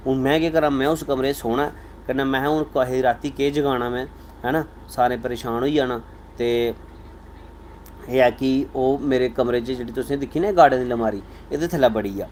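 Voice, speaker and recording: A man's voice: medium pitch, steady tone, a little fast, a little mellow, a little hiss or hum. A man with a Dogri accent, a comedian chatting casually with viewers on a live stream, telling stories in a playful way. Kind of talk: casual live chat answering viewer comments.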